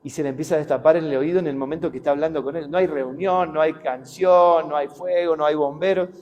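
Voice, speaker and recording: A man's voice: on the high side, steady tone, fast, a little mellow, highs cut off, slight background noise. A man preaching a sermon with a Rioplatense accent, talking conversationally with rhetorical questions and anecdotes. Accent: Rioplatense Spanish. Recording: long hall reverb.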